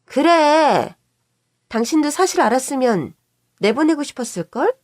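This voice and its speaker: A woman's voice: high voice, expressive, a little mellow, no room sound, clean studio sound, pitched above the performer's own voice. A woman voicing a pushy, scheming middle-aged sister-in-law who wheedles and snaps. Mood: angry. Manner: pushy, wheedling, quick to snap.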